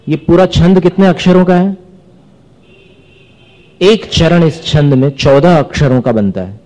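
A man's voice: medium pitch, mellow. A man teaching a class of listeners how to pronounce and recite verses, explaining each point and asking questions. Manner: explains pronunciation, chants verses slowly, asks the class questions. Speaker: religious teacher. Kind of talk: scripture recitation lesson. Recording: dull sound with long hall reverb.

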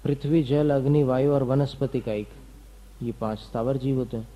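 A man's voice: medium pitch, steady tone, moderate pace, dark tone, poor audio. A man giving a doctrinal lecture to students, asking and answering his own questions and listing terms one by one. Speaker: religious teacher.

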